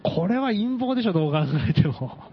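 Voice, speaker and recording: A man's voice: high voice, animated, fairly quick, lo-fi sound, slight background noise. A man hosting a casual radio chat, playful and often laughing as he teases out conspiracies. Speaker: radio host.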